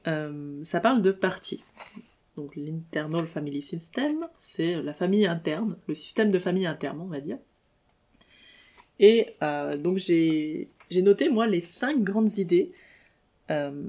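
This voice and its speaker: A woman's voice: lowish voice, animated, slow, dark tone. A young woman with a French accent hosts a solo podcast in an easy, unscripted way. She hesitates often, fills gaps and corrects herself mid-phrase. Her tone is self-deprecating and chatty. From France. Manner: laughs between lines, self-deprecating. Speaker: podcast host. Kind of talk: casual solo podcast monologue.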